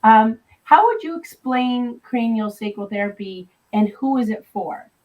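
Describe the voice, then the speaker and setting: Enthusiastic woman, fairly high voice, interviewing, slightly dull audio. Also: lively intonation, unhurried. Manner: upbeat, enthusiastic. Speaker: clinic director interviewing staff.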